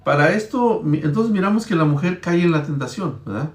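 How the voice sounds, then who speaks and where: This Bible-teaching sermon comes from a man whose voice is slightly high, expressive and fairly quick, with the room giving it an echo. He tells Bible stories conversationally, like a storyteller, pausing to check in with the people listening.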